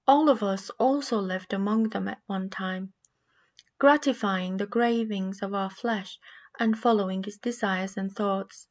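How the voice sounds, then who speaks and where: A woman from Romania with a Romanian accent, reading scripture and giving a sermon in a measured, reflective way. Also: mid-range voice. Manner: measured, reflective delivery with small restarts. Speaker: preacher.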